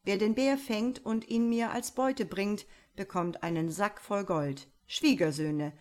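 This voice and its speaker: A woman's voice: mid-range voice, a little slow, darkish tone, close to an everyday voice. A woman voicing a fairy-tale king giving orders to his sons-in-law. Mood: commanding. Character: commanding old-fashioned fairy-tale king.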